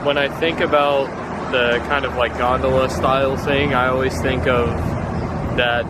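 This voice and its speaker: A young man talks casually and haltingly in an outdoor vlog. His pitch is medium with very little movement, and loud ambient noise surrounds him. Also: level tone. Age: young adult. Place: outdoors by a waterway. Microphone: handheld camera at arm's length.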